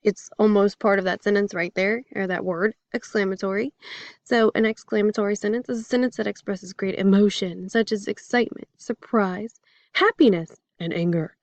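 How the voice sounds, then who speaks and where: A woman's voice: mid-range voice, steady tone, normal speed, a little mellow, no room sound, dull audio. A woman teaching a casual grammar lesson in a chatty, upbeat way, with fillers and jokey examples.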